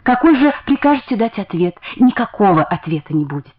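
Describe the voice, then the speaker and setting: A woman's voice: medium pitch, very animated, fairly quick, narrow, tinny audio. A woman voicing a shabby man who speaks stiffly and formally. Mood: puzzled.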